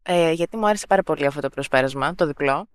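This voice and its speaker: A woman co-hosting a casual podcast chat about motor racing, easygoing and quick to laugh. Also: deep voice, dry recording, studio quality. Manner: giggly, easygoing. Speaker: podcast co-host.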